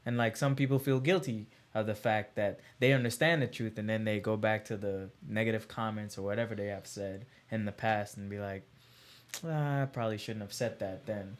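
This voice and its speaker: A man from Guyana hosting a podcast, talking in a relaxed, affirming way with lots of "man" and "like". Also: lowish voice, fairly quick. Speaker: podcast host, military veteran. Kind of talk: casual podcast chat.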